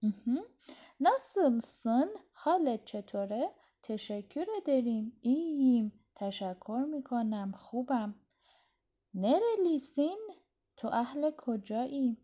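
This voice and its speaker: A woman teaching a language lesson. She says words slowly and clearly, translates them, and explains pronunciation. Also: on the high side, animated, mellow. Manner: reads Turkish words slowly, then translates them into Persian; gives explanations quickly and clearly.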